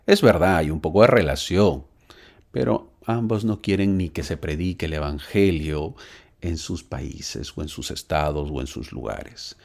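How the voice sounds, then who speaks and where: Deep-voiced man teaching with lively pitch. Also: unhurried, vocal fry. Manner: emphatic, asks and answers his own questions. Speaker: church Bible teacher. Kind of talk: Bible lesson lecture. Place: living in Texas.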